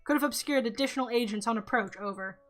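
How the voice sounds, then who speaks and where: A woman with a slightly high voice talks fast, faint music behind her, as she reads a story game aloud. She plays a paranoid teenage boy in a fake robotic voice, clipped and terse like radio chatter, closing each turn with "over."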